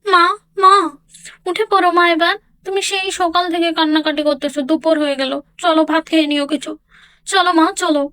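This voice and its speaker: A woman's voice: extremely high pitch, steady tone, a little fast, bright, forceful tone, dry recording. Woman doing a soothing young village daughter. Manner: soothing, coaxing.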